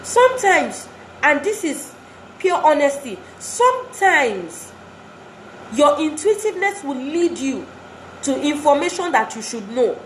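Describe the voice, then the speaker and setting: Woman, motivational talk, earnest and repetitive, high-pitched, echoey room, faint background noise. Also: big pitch swings, a little slow, fairly bright tone. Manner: earnest, exhorting, repeats phrases for emphasis. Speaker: speaker addressing wives.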